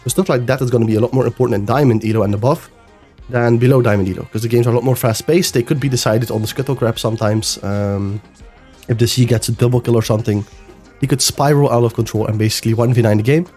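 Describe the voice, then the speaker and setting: A young man talks through a gameplay review like a coach, his voice nasal and a little rough from being sick. His tone is mellow and dark. Faint music plays softly behind him. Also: mid-range voice, fast talker. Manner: explanatory, loose with fillers and restarts. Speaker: game coach. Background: soft background music.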